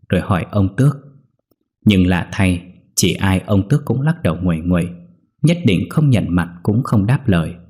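A man narrates a ghost story in a steady, grave manner. His voice is low and deep, with a dark, mellow tone. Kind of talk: scripted horror story narration.

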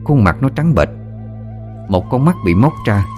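A man narrating a scripted audio story in a steady storytelling manner. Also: mid-range voice, unhurried, soft background music.

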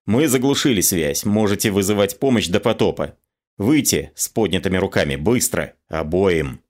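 A man voicing a gruff, commanding masked gunman in an audiobook. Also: deep voice, animated, normal speed, a little mellow. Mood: menacing. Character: menacing masked male gunman.

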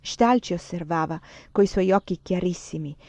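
A woman reading a novel aloud in a measured, expressive way. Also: lowish voice, no echo. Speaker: reader. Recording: dull dry lo-fi reading.

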